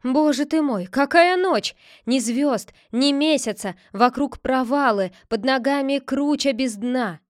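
A woman's voice: a little high, a little slow, few pauses, dry recording, studio quality, lightly acted. A woman doing a blustering old grandfather. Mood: frightened. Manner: loud exclaiming outbursts. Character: stubborn old village grandfather digging for treasure. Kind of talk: storybook reading.

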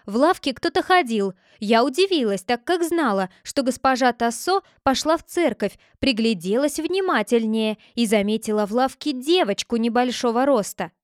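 A bold fairy-tale girl testifies in a firm, confident voice, as a woman reads her part. The voice is high, with a dry, close sound. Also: lively intonation, normal speed, few pauses, dry recording, close to an everyday voice.

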